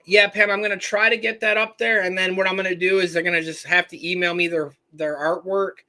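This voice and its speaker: A man from Michigan runs a live question-and-answer stream, talking loosely and correcting himself as he goes. His voice sits fairly high and sounds bright and forward. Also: flat delivery, fairly quick. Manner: rambling, self-correcting, reads chat names aloud. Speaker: host answering viewer questions.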